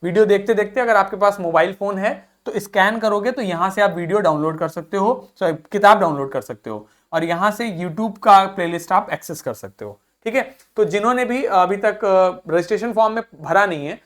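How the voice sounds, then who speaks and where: Man slowly drilling word pronunciations. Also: high-pitched, a bit bright. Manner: drills pronunciation slowly, repeating each word several times; friendly, addresses students as children. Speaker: teacher. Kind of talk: recorded video lesson.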